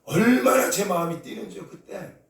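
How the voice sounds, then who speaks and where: A male pastor preaches in a high, wildly swooping voice, dramatizing his story and breaking into shouts. He is heard from a distance in a church sanctuary, with the hall's echo hanging around every phrase. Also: expressive, normal speed, creaky. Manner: dramatic, voices quoted people, swells into shouting. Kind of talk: sermon storytelling. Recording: echoey hall, voice from a distance.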